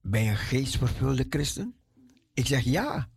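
Lively, gravelly man telling a story. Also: mid-range voice, a little slow, no room sound, clean studio sound. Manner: lively, acts out the voices of the people in his story; repeats words for emphasis. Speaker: speaker giving a personal testimony. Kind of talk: animated storytelling.

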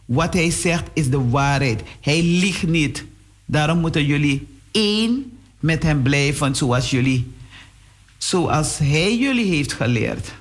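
A man preaching a sermon on the radio, whose voice jumps up in pitch and speeds up at times. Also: lively intonation, slow pace. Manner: preaching with sudden rises in pitch and pace. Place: radio studio.

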